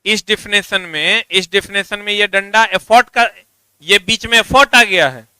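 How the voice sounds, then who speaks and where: Bright, crisp-voiced teacher. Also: male voice, high-pitched, normal speed, no echo. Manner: teasing, drills students by repeating chants. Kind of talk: classroom physics lecture.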